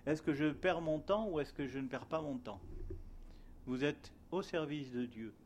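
A man's voice: fairly high pitch, moderate pace, slight background noise. A man giving a spoken testimony and sermon, telling his story in a hesitant way with many fillers, then earnestly exhorting his listeners.

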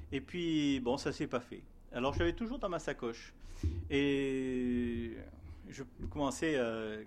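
A man giving a spoken testimony and sermon, telling his story in a hesitant way with many fillers, then earnestly exhorting his listeners. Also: mid-range voice.

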